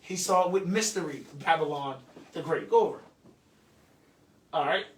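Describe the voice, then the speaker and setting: A man's voice: on the high side, moderate pace. A man leading a classroom Bible lesson, cutting in with jokes and telling the reader to go on. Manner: joking asides, directs the reader, repeats verses. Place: echoey classroom. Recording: echoey room, distant mic.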